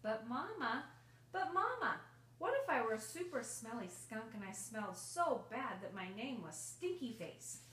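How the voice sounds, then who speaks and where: A woman's voice: a little high, big pitch swings, a little slow, fairly bright tone. A woman voicing a small, imaginative storybook child who asks questions in an eager, insistent way. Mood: pleading, curious. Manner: eager, pleading, exaggerated questioning. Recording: roomy, distant mic, faint noise.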